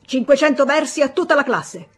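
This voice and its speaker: A woman's voice: mid-range voice, sing-song, measured pace, darkish tone, slightly rough, faint music behind, heavily acted. A woman voicing an irritable, stern male schoolteacher who barks commands at his class. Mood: furious. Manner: barking, indignant commands.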